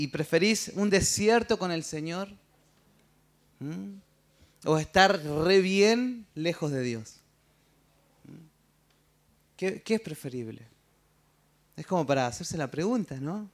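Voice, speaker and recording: A man with a Rioplatense Spanish accent preaching a sermon, checking in with the listeners through constant tag questions. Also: fairly high pitch.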